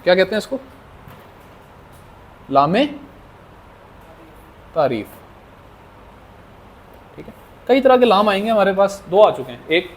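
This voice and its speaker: High-voiced man teaching a class. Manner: drills by repeating questions to students; addresses the class as children. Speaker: Arabic teacher. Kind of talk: classroom lecture.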